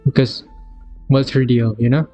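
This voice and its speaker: Guy streamer reacting to a game story, rambling and thinking out loud, mid pitch, soft music under it. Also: flat delivery, measured pace. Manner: thinks aloud, rambling, with restarts and laughs. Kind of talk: casual live reaction chat.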